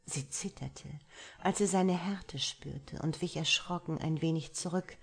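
A woman narrating a romance novel as an audiobook, reading softly and intimately, at times sinking into a whisper. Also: deep voice, unhurried, gravelly, slightly rough.

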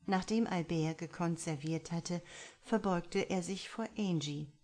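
A woman narrating an audiobook in a calm, steady storytelling manner. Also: on the low side, a little slow. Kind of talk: scripted narration.

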